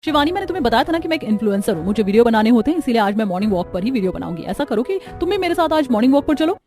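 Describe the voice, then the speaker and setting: A woman plays a snobbish young city influencer in a cartoon, mocking and brash. Her voice sits high and the lines come quickly over soft music. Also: sing-song. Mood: pushy. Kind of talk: cartoon voice acting.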